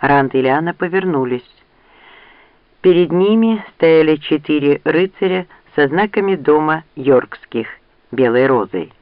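A man narrating an audiobook novel in steady storytelling style. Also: fairly high pitch, measured pace, clean tone, no room sound, phone-quality sound. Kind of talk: scripted narration.

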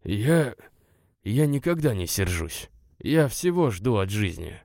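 A man's voice: on the low side, very animated, slow, darkish tone, no echo, full character voice. A man reading aloud voices an irritable, stubborn young man who answers curtly. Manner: dry, curt, grumbling.

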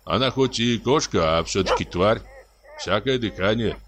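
A man's voice: lowish voice, expressive, moderate pace, fairly bright tone. A man voicing a bold, impatient hunter in a read-aloud story, curt and commanding. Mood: reproachful. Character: brusque bold male hunter.

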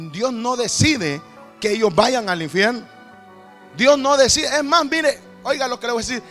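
A man preaching a sermon with fervent, rhythmic delivery that bursts into shouts. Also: extremely high pitch.

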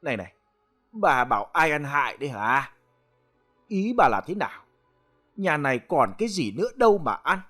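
Man playing surly slurring drunkard in a spoken ghost story; animated pitch swings. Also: normal speed, pauses often, faint music behind, heavily acted. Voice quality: slurred, whining. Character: drunk, slurring poor old husband.

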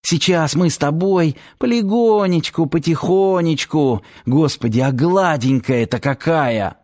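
A male audiobook reader voicing a rough, predatory man who coaxes in low whispers and snarls threats. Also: a little slow, darkish tone, close to an everyday voice. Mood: leering coaxing. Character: rough, predatory grown man, menacing and crude.

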